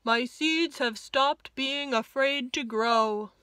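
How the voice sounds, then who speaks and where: A woman voicing an earnest, anxious male toad from a children's story, in a loud, emphatic manner. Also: high voice, slow pace, clean tone, dry recording, voice pushed up, heavily acted. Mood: relieved.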